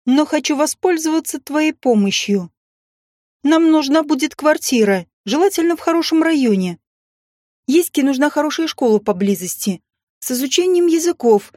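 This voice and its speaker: A man's voice: extremely high pitch, expressive, moderate pace, a little mellow, no room sound, clean studio sound, voice pushed up. A man reading an audiobook voices a brazen, scheming young mother with a sly, mocking, venomous manner.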